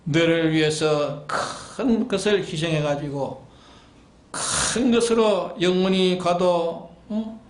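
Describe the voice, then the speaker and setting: A man's voice: high-pitched, slow, echoey room. A man preaching a sermon as pastor, exhorting his listeners with repeated commands and pointed rhetorical questions. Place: church sanctuary.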